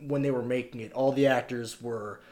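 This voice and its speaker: A man co-hosting a podcast, chatting casually about films with lots of fillers and animated quoting. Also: mid-range voice, brisk. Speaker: podcast co-host. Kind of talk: casual film discussion.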